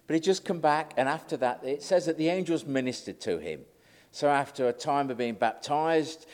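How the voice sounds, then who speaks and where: A man's voice: medium pitch, darkish tone. A middle-aged man giving a conversational, self-deprecating sermon. He says he is slightly nervous. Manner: chatty, self-deprecating, acts out quotes. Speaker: lay preacher.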